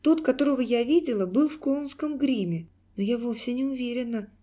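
An anxious young girl speaks earnestly and urgently in a raised, mellow voice, as a woman reads her. It sounds like a storybook character given a light lift in pitch. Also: fairly quick, close to an everyday voice. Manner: urgent, pleading.

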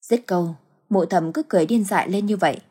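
A woman narrating a horror story in a steady, dramatic way. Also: on the low side, quick pace, breathy edge. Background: faint music.

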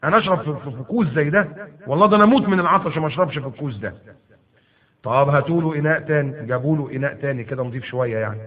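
A man with an Egyptian Arabic accent preaching, retelling a story in lively colloquial bursts. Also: fairly high pitch, racing. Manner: animated, bursts into loud emphatic retelling. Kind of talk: sermon storytelling. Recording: tinny phone-like lo-fi audio.

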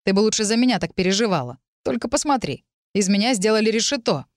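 A woman's voice: mid-range voice, lively intonation, fast talker, no room sound, studio quality, natural voice. A woman voicing a playful, teasing young man in an audiobook.

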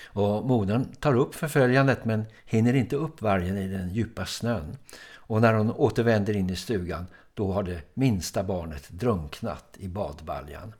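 Low-voiced man explaining as a scholar. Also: a little mellow, husky. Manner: measured, scholarly, with small hesitations. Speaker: podcast co-host, folklorist. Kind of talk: explaining, expert commentary.

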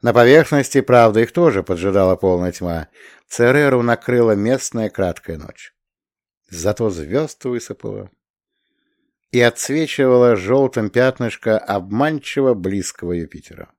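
A man narrating a science-fiction audiobook in a measured, steady voice. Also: lowish voice, no room sound, studio quality.

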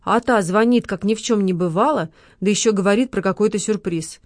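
A woman narrating an audiobook with even, clear scripted storytelling. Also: medium pitch, fairly quick, no room sound, studio quality.

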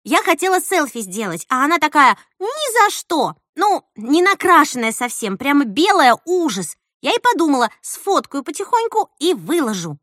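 A woman voicing an excitable, indignant teenage girl who talks in a rushed, whiny way. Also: high voice, no room sound, clean studio sound, voice pushed up. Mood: agitated.

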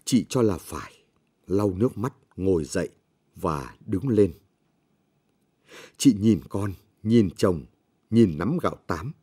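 Brief: male audiobook narrator, somber and measured, dark husky low voice. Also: expressive. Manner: slow, measured, somber reading. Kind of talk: scripted story narration.

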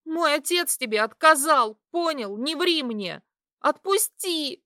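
A woman's voice: fairly high pitch, lively intonation, unhurried, no echo, clean studio sound. A young woman voicing a defiant female student who answers back in heated, raised bursts. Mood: desperate. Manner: heated, raised, sharp outbursts.

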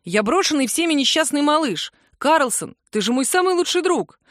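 Female narrator as a cheeky young man, high for a guy, playful and insistent. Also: sing-song, moderate pace, fairly bright tone, no room sound, clean studio sound. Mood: cheerful. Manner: teasing, cheerfully pushy. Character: cheeky cheerful young man, teasing friend.

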